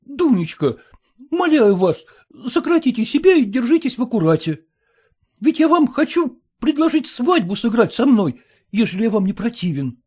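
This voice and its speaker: A man's voice: very high voice, big pitch swings, normal speed, a little mellow, slightly rough, full character voice. A man reading aloud, voicing an earnest, jealous and self-satisfied male suitor who pleads fervently. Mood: pleading.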